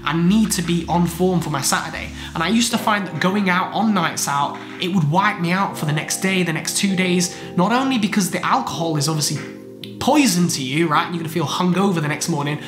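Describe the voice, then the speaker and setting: This casual talking-head vlog features a man in his twenties, a medical student with a chest infection that leaves him congested, talking about his weekly routine from a home study room. He gestures a lot and speaks fairly quickly in a voice that sits high. The recording sounds roomy, with background music.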